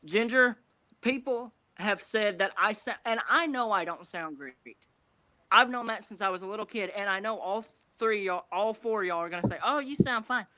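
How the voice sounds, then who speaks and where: Bright-voiced teenage man with drawl. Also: sits high, normal speed. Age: teens. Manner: chatty, self-deprecating, repeats phrases. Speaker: guest streamer. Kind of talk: casual livestream chat.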